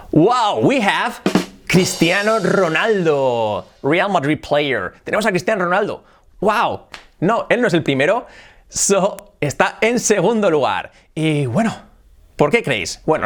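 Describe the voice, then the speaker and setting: A man with an accent from Spain teaching in a casual video lesson, switching between Spanish and English, lively, repeating words and ending phrases with "¿ok?". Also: on the high side.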